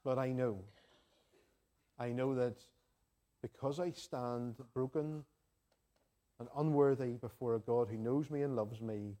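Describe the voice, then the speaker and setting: A man from Northern Ireland with an Ulster accent preaches a sermon to a congregation, earnest and conversational, repeating phrases for emphasis and including homely anecdotes and prayer. His mid-range voice is warm, with fairly even intonation, a measured pace and frequent pauses.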